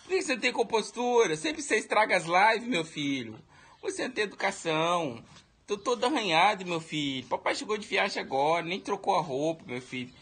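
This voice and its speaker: A man's voice: high-pitched, sing-song, fairly quick, fairly bright tone, slightly rough. A man from Espírito Santo, Brazil, chatting casually on a livestream and doting on his pet dogs, calling himself papai. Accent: Brazilian Portuguese, Espírito Santo. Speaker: pet owner vlogger.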